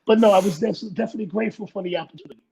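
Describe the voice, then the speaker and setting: A middle-aged man with a raspy voice, chatting casually as an interview guest, rambling and laughing as he tells stories. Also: sits high, very fast, mellow, poor audio. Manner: laid-back, rambling storyteller who laughs often. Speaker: guest actor.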